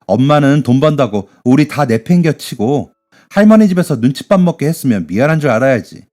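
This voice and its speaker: A man's voice: medium pitch, expressive, a little fast, warm tone, soft background music, close to an everyday voice. A man doing a sneering defiant eldest son.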